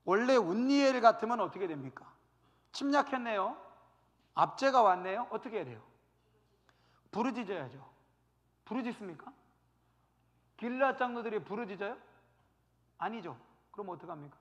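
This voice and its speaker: A male pastor teaching a Bible study sermon, telling the story in a lively way with lots of rhetorical questions and acted-out scenes. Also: high voice, normal speed, pauses often, in a large hall. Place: church sanctuary.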